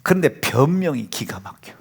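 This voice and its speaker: Husky-voiced pastor preaching animatedly. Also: male voice, mid-range voice, sing-song, normal speed. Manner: storytelling sermon, acting out family voices, dropping to whispers. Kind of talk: sermon. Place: church sanctuary.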